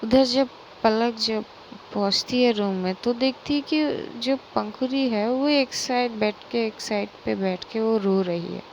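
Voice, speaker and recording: A woman's voice: on the high side, vocal fry, a little mellow, lo-fi sound, slight background noise. A woman narrating a story in a casual, conversational retelling with many fillers.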